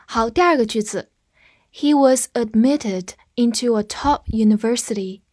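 Female vocabulary teacher, Chinese native speaker, very slow and patient, letter-by-letter spelling, slightly high voice, dry close mic. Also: a little mellow, dry recording. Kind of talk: spelled-out vocabulary lesson with slow read-alongs.

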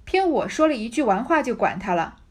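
A proud, sharp-tongued young maid answers with loud, curt retorts, as a woman reads her part. It is a storybook reading in a voice close to the reader's own. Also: a little high, expressive, moderate pace, breathy edge. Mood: cold retort.

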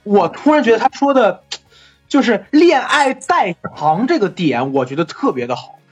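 A podcast co-host chatting casually about a comedy show, animated and laughing often. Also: medium pitch, moderate pace, slightly rough, highs cut off, soft background music. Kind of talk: casual chat commentary.

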